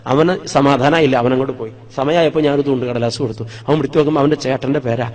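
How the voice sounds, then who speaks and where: A man's voice: mid-range voice, fairly even intonation, fast, a little mellow. A man from Wayanad in Kerala, a priest preaching a sermon, telling his own life story dramatically and acting out the scenes.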